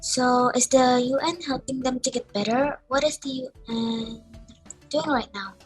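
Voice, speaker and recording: A young girl speaks slowly on a video call, in a high voice with some breathy huskiness. She puts prepared questions to a guest, with music in the background. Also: fairly even intonation. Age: child. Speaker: young interviewer reading questions.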